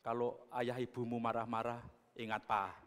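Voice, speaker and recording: A man, a pastor, preaching a sermon. He moves between booming exhortation and quiet, chatty asides. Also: completely flat delivery, moderate pace, clean tone. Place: church hall. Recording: long church reverb.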